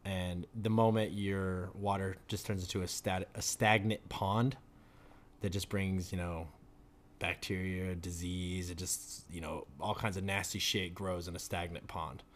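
A man's voice: low-pitched, flat delivery, a little slow, a little hiss or hum. A young man chatting at a table at home, thoughtfully posing questions and musing aloud. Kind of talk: casual chat. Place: table in a shared house.

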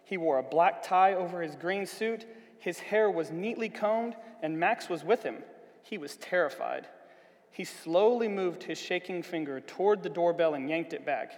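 A man reading a storybook aloud in a church, with a steady, expressive delivery. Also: high voice, moderate pace, in a large hall, low-quality recording. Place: church hall.

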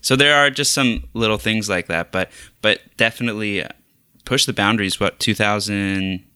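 A man's voice: lowish voice, moderate pace, sharp tone, smooth, no room sound, studio quality. A man co-hosting a podcast, chatting casually about video games with many hesitant restarts. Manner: hesitant, lots of restarts and fillers. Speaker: podcast co-host. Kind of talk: casual gaming chat.

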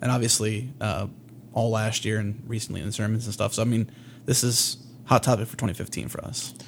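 A man's voice: lowish voice, fairly even intonation, brisk, creaky, slight background noise. A man co-hosting a church podcast, chatting casually and easily with many fillers. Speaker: podcast co-host.

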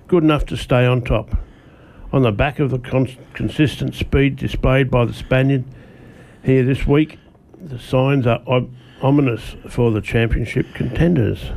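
A man's voice: medium pitch, darkish tone. An Australian man co-hosting a radio motorsport show, reading a scripted report aloud from his notes and stumbling now and then. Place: radio studio.

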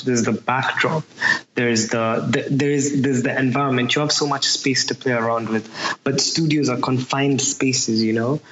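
A man in his twenties from Nairobi with a Kenyan accent, chatting casually as an interview guest, often saying "like". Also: mid-range voice. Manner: chatty, frequent use of "like". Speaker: photographer being interviewed. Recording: roomy, dull, faint background noise.

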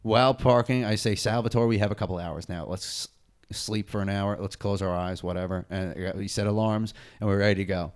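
Here the podcast co-host sounds on the low side, brisk and clear, with a resonant tone. His long, laid-back story is thick with profanity, and "dude" and "bro" come up again and again in his lively telling.

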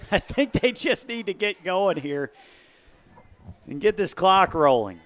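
A man calling live football play-by-play, snapping out each snap, pass and gain as it happens. His voice is smooth and resonant and sits a little high. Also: lively intonation, takes it slowly, a bit bright. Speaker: play-by-play announcer.

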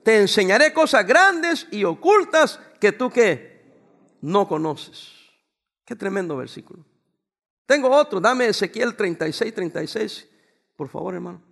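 A male pastor preaching a sermon, pausing for the congregation to finish his lines. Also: high-pitched, very animated, vocal fry, fairly bright tone. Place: church before a congregation.

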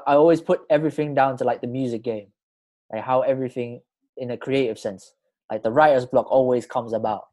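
Speaking with a London roadman accent, this man hosts a laid-back podcast conversation full of urban slang and frequent repetition. His pitch is medium and a little mellow.

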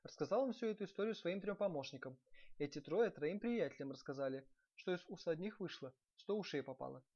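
A man hosting a podcast, reading a bedtime fairy tale in a lively, expressive way. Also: fairly high pitch, brisk. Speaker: podcast host and storyteller. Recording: dull lo-fi recording.

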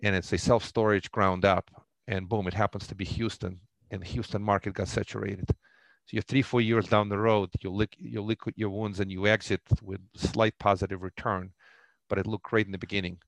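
A low, gravelly man with a Russian accent talks about investing as a podcast guest. He speaks haltingly, restarting phrases often. The sound is dry and close. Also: little pitch movement, no room sound. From former Soviet Union. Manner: halting, many restarts and fillers. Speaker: real estate investor guest. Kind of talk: podcast interview.

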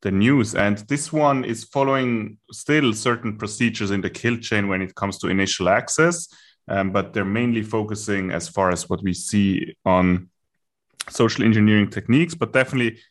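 A man with a German accent, a podcast guest explaining things in a steady, casual chat. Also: fairly low pitch, moderate pace.

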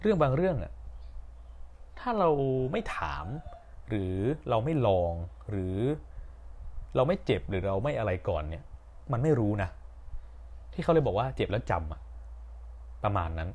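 Young man, podcast host, casual storytelling, rambling, self-correcting, somewhat low voice. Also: sing-song, normal speed, pauses often, a little mellow, husky.

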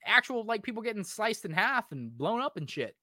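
A young man on a casual podcast rants with heavy swearing and biting sarcasm, his speech full of "like" and "um". His voice sits a little high and sounds bright and sharp. The sound is close and dry. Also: sing-song, a little fast, no echo. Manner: profane, ranting, sarcastic; frequent fillers like "like" and "um". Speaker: podcast co-host. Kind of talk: casual podcast review chat.

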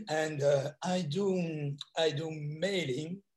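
French-accented man, halting speech. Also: fairly high pitch, a little mellow. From France. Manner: halting, repetitive phrasing with non-native grammar. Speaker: real estate agent. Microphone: video call.

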